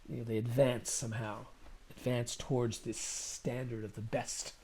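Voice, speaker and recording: A man of medium pitch, speaking as an interview guest. He thinks aloud, circles back and repeats words as he looks for ideas. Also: level tone, normal speed, a little mellow, slightly rough. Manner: thoughtful, rambling, repeats words while thinking. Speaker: musician and guest. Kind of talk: conversational interview.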